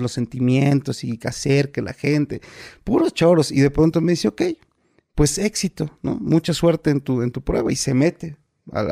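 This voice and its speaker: A man in his forties with a Mexican accent, an actor telling stories in a relaxed interview, full of fillers and repeats. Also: medium pitch, gravelly, dry recording, studio quality. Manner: colloquial, many fillers and repeats. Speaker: actor guest. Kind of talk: casual interview storytelling.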